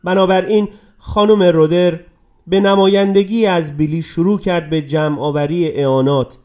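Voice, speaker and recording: A man narrating a dramatic story in a scripted reading, dropping to a hush and rising with emotion. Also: sits high, steady tone. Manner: dramatic, swings between hushed and raised voice.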